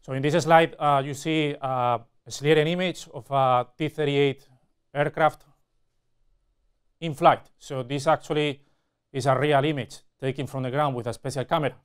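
Male lecturer, 40s, smooth clear voice, mid pitch, halting explanatory delivery for technical teaching. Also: fairly even intonation. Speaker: university lecturer. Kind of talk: technical lecture at a whiteboard with slides. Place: indoor classroom or studio with whiteboard.

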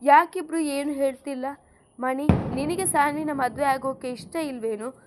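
A woman reading an audiobook story, voicing a kind older mother with a high, coaxing motherly manner. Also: normal speed, noisy background, lightly acted. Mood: earnest. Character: kind elderly mother arranging marriage, gentle.

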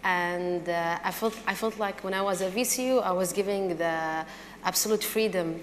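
A woman's voice: on the low side, moderate pace, a little hiss or hum. Thoughtful young woman panelist. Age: young adult. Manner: thoughtful, hesitant. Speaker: panelist, student. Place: stage in a large event hall. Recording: hall reverb with faint ambience.

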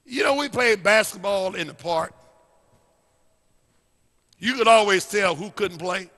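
A male pastor preaching a sermon, swinging between loud and hushed lines and repeating phrases. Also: sits high, unhurried, long reverb tail. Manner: preachy, rising and falling dynamics, repeats phrases. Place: church sanctuary.

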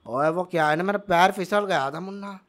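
A man's voice: high-pitched, a little fast, a bit bright. A man playing Roblox as a gaming YouTuber, talking in casual, bossy Hindi banter. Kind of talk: Roblox let's play.

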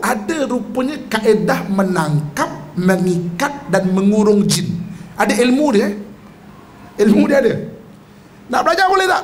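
A Malaysian Malay man preaching in a mosque, his voice sitting unusually high. He keeps his listeners involved with questions and acts out voices in a joking way. A faint background noise runs under the recording. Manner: playful, mimics whiny and scheming voices, engages audience with questions. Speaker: religious teacher. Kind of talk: mosque lecture, humorous sermon.

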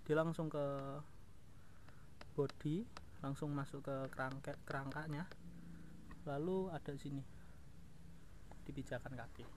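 Talking informally to the camera, the motovlog host walks around his motorbike outside a house, recorded on an action cam with noticeable background noise. His slightly high, darkish voice stays fairly even, measured, with long pauses.

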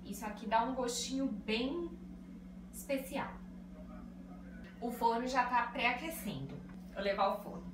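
Uma jovem mulher conversando com quem assiste enquanto cozinha e explica cada passo de uma receita na cozinha de casa. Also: female voice, a little high, animated, unhurried, long pauses, background noise. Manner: chatty, explains each step to viewers. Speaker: cooking vlogger. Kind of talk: casual cooking vlog. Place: small tiled home kitchen. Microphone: phone on a tripod. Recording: echoey room, distant phone mic, background music.

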